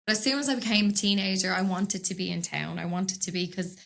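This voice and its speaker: A woman's voice: mid-range voice, quick pace, gravelly, a bit bright. Dublin woman, podcast guest; chatty, rambling, laughs easily, studio mic. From Dublin, Ireland. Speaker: podcast guest, business owner. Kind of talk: casual interview chat.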